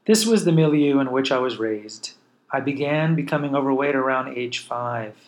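Speaking at a moderate pace, a forty-something podcast host shares his own life story in a candid monologue, poking fun at himself wryly. The pitch is medium, and the recording sounds rough.

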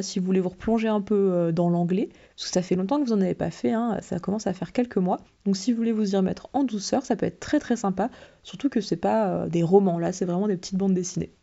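Young woman, podcast host, mellow voice, chatty, lo-fi sound. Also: mid-range voice, gravelly. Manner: chatty, upbeat, with light fillers. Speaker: podcast presenter. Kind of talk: casual podcast segment.

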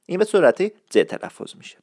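A man hosting a casual spoken lesson, explaining slowly and repeating words for practice, in a friendly, chatty way. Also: sits high, huge pitch swings, darkish tone, dry recording, studio quality. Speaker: podcast host teaching a dialect.

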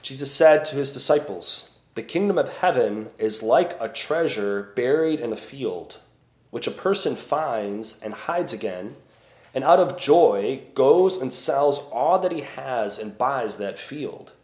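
A priest at Mass, reading the Gospel and preaching in a slow, deliberate way with emphatic swells, his voice ringing with church echo. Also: mid-range voice, animated, darkish tone. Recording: echoey church room.

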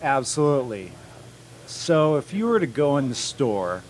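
A man speaks as a guest cider maker on a live radio show in a pub, with faint noise behind him. He explains things in a plain, matter-of-fact way and uses everyday comparisons. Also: medium pitch. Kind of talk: casual interview explanation.

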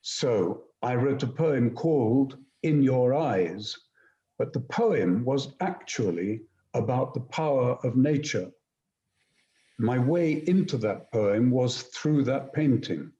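A man being interviewed, telling anecdotes in a deliberate, articulate and emphatic conversational way. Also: medium pitch, animated, mellow. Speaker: interview guest, poet and screenwriter. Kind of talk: reflective conversational storytelling. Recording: slightly dull, roomy sound.

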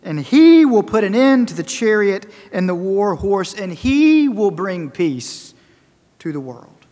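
A man preaching a sermon, emphatic and rhetorical, repeating phrases for effect and swinging between loud and soft. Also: high-pitched, sing-song, takes it slowly. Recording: long reverberant hall.

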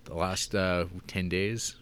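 Lowish voiced guy on a podcast, laid back, slangy, bit sweary, just chatting. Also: fairly even intonation, takes it slowly, a bit bright, smooth. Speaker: podcast co-host. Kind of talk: casual podcast chat.

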